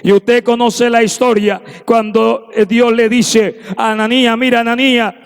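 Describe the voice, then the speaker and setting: A man's voice: very high-pitched, flat delivery, a little slow, clear, resonant tone. A man preaching a sermon in a church, fervent and acting out the voices he quotes. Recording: long echo of a church hall.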